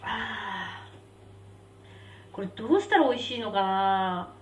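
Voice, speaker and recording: Young female stream host, casual chatter, lively and fairly high, roomy distant mic. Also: brisk. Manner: chatty, reacting aloud to spicy food, reads viewer comments. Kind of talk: casual live-stream chat while eating. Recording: roomy, slightly distant mic with faint background hum.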